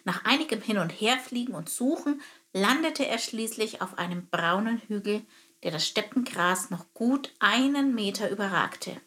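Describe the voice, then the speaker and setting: A woman reads a children's story aloud in a calm, even storytelling manner. Her voice sits at an ordinary middle pitch for a woman. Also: normal speed. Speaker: narrator. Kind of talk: scripted narration of a children's story.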